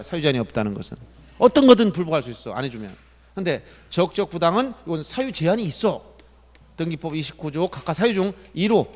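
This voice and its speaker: A man giving an exam-prep law lecture, asking the class questions and answering them himself with emphatic repetition. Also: sits high. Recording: long reverb in a hall.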